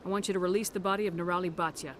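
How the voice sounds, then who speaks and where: A woman's voice: fairly low pitch, steady tone, fairly bright tone, a little hiss or hum, close to an everyday voice. A woman playing a firm, direct military commander in a video game, with an assertive manner. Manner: brisk, assertive.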